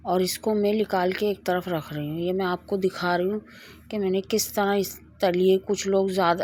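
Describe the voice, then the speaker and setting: A woman's voice: medium pitch, darkish tone. A middle-aged woman hosting a home cooking video, chatting as she demonstrates a recipe and tells a moral story along the way. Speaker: cooking channel host.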